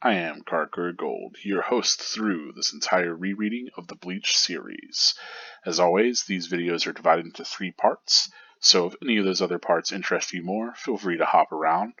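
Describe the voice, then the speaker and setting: A man hosting a comic reread series, introducing and reading the chapter in a measured, expressive way. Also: deep voice, breathy edge, no echo. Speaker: host. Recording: dull lo-fi recording.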